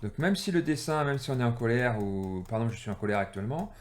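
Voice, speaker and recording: A man from France with a mid-range voice teaches an energy-healing exercise while drawing. He sounds tired and irritated, speaking haltingly with many pauses and fillers.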